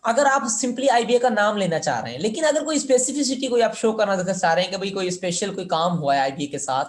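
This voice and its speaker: A man's voice: high-pitched, expressive, brisk, slight background noise. A man teaching an English grammar lesson, explaining step by step, repeating words and asking students for answers.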